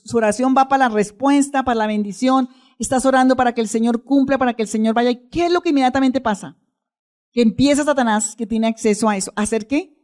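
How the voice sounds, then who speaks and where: A woman's voice: fairly high pitch, a little mellow. A middle-aged woman preaching a sermon, asking her congregation questions and answering them herself.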